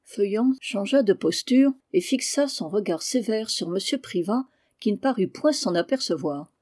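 Calm audiobook narrator, mellow warm tone, steady literary read. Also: mid-range voice. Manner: measured, even literary reading. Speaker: audiobook reader. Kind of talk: scripted narration of a classic novel.

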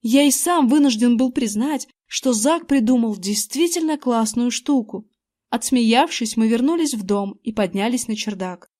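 A woman narrating an audiobook in the first person with lively, expressive storytelling. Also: fairly high pitch, moderate pace.

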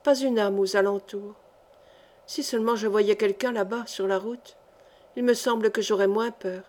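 A woman's voice: medium pitch, fairly even intonation, normal speed, a little mellow, natural voice. A woman reading the part of a timid, pious young girl with a childlike, innocent manner in an audiobook. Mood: anxious.

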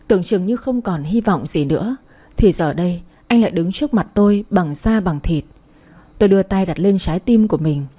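Female narrator, warm mellow voice, heartfelt first-person romance reading. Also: medium pitch. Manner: emotional, heartfelt. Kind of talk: scripted narration of a romance story.

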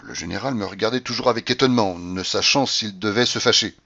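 A man's voice: fast talker, creaky. A man narrating a classic novel as an audiobook, voicing the dialogue expressively. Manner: expressive, voices dialogue with rising pitch. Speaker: audiobook reader. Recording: dull lo-fi recording.

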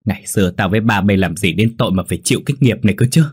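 Một người đàn ông giọng khàn, giọng miền Nam, lồng tiếng một bà mẹ già khổ cực đang giận dữ quát mắng. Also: male voice, rapid-fire, breathy edge, no echo, studio quality. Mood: scolding. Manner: scolding, shrill outbursts. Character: angry worn-out old mother, shrill and wailing.

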